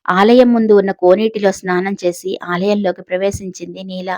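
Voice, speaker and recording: A woman telling an audio story, reading scripted narration in a steady, descriptive way. Her voice sits at an ordinary middle pitch, recorded close and dry with no room echo. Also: normal speed.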